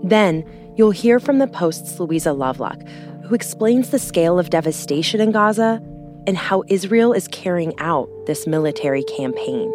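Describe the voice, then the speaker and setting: Low-voiced woman news podcast host. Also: expressive, normal speed, over music. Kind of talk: scripted news narration and interview.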